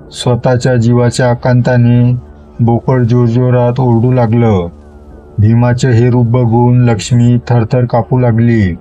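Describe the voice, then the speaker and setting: A man narrating a horror story in a slow, steady storytelling manner. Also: mid-range voice, a little hiss or hum. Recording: dull lo-fi recording with faint music.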